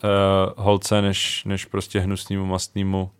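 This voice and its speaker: Young man, low voice, dry sound. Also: completely flat delivery, clean tone, no room sound. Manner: measured, thinks aloud with hesitations. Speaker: podcast co-host. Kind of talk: casual book discussion.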